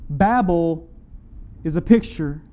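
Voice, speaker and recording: A man preaching a sermon in a high but mellow voice. He is earnest and emphatic, lifting his voice on key lines and slowing down to stress phrases. He speaks directly to the congregation. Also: expressive. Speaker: pastor.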